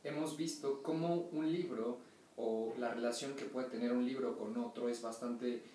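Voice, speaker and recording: A man's voice: medium pitch, fairly even intonation, moderate pace, warm tone. A man interviewing a guest, asking questions in a hesitant way with many fillers. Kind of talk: staged interview. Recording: very echoey, distant, faint noise.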